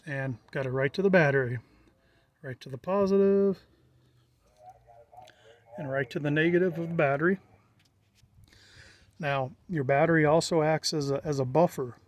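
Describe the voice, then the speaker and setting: With frequent pauses and a moderate pace, this middle-aged American hobbyist gives an unscripted, casual walkthrough. His voice leans high, and he keeps things plain-spoken and matter-of-fact.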